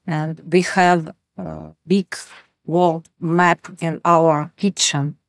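Ukrainian-accented woman interviewee, very slow and halting, dry sound. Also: low voice, flat delivery, vocal fry, no room sound. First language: Ukrainian or Russian. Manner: halting, searching for words, many fillers. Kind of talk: interview storytelling.

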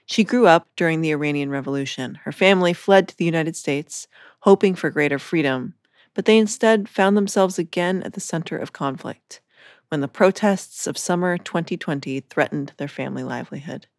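A woman hosting a podcast, giving a calm, measured scripted introduction. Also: sits low, no echo, clean studio sound. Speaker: podcast host.

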